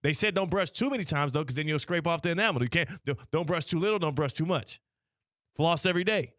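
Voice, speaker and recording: A man's voice: a little high, expressive, fast, fairly bright tone, no echo, studio quality. An American man hosting casual radio chat, his speech a little slurred, with a mouth half numb from the dentist. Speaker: sports radio show host. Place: radio studio.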